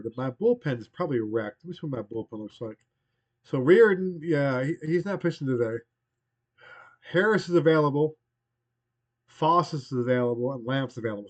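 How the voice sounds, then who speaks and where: This baseball replay host, a man in his forties, offers relaxed play-by-play in a medium-pitched, slightly mellow voice roughened by a lingering cold. He wanders loosely and frequently leaves thoughts unfinished; his home recording is slightly muffled and a bit dull.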